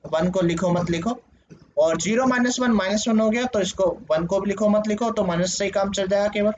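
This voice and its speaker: A man's voice: sits high, normal speed. A male teacher explaining a lesson at a board, asking questions and answering them himself, checking in with "okay" often. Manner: frequent "ठीक है" check-ins. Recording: dull lo-fi sound with faint noise.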